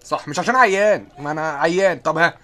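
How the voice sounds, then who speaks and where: A man's voice: a little high, quick pace, sharp tone. A young man with an Egyptian accent, chatting casually on a live stream while sick, reading viewer comments aloud and answering with self-mocking jokes. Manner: self-mocking, laughs often. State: sick, with occasional coughing.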